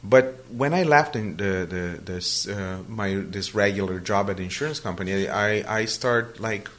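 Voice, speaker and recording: A Brazilian man, a native Portuguese speaker, answers interview questions conversationally but hesitantly, full of fillers and frequent restarts. His voice is lowish and fairly bright, at a measured pace.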